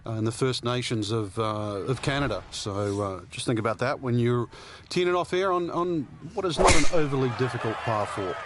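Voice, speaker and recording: A man's voice: medium pitch, brisk, noisy background, close to an everyday voice. A man playing an easygoing golf commentator, giving conversational analysis with hesitant phrasing in a video game broadcast. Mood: considered.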